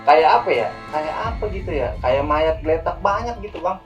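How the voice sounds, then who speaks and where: A man's voice: on the high side, expressive, normal speed. A young man casually telling a hiking story as a guest, rambling and repeating words, often calling the listener "Bang". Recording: distant mic with music behind.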